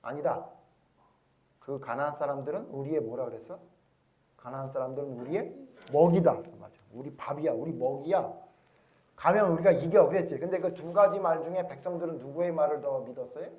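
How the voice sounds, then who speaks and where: A man's voice: a little high, a little fast, a little mellow, breathy edge. A middle-aged male pastor giving a children's sermon, asking the kids questions and acting out what the people in the story say. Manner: asks the children questions, acts out voices.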